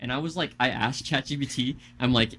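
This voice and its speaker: A man's voice: mid-range voice, moderate pace, fairly bright tone, breathy edge. Heated, cursing young man telling a story. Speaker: podcast co-host. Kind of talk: casual podcast chat.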